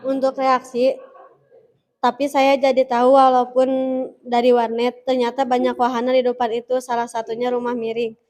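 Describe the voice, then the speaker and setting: A woman student presenting to a class in an even, measured way. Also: fairly high pitch.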